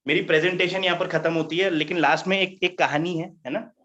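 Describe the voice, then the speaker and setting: A man giving a business presentation, telling an animated story and often asking "right?". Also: high-pitched, brisk, lo-fi sound. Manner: animated, chatty, tags lines with "right?" and "isn't it?"; laughs at his own story.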